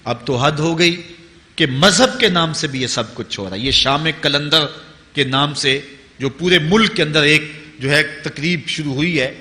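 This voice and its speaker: Male preacher, impassioned sermon, forceful voice, long hall reverb. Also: fairly high pitch. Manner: impassioned, rising to emphatic peaks, chanting Arabic quotations slowly. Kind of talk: Urdu religious sermon.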